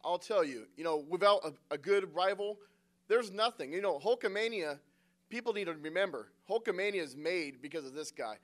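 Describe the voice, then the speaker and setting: A man in his thirties acts as interviewer in a wrestling promo. His voice is high, and he talks like a hype announcer, piling up superlatives into a handheld mic. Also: expressive, brisk, a bit bright. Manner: hyping announcer, admiring superlatives. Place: plain carpeted indoor function room. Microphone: handheld microphone.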